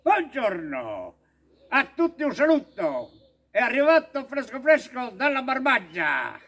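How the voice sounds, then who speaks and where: A man voicing a gruff rustic mountain villager with a Sardinian accent, who bursts into scolding shouts. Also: extremely high pitch, huge pitch swings, a little slow, exaggerated voice.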